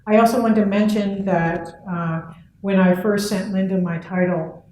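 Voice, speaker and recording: In a lecture hall with echo and faint background noise, a woman delivers a keynote at an academic conference. Her mid-range voice is warm, with fairly even intonation and a moderate pace. She speaks earnestly and thoughtfully, dropping frequent fillers between her points.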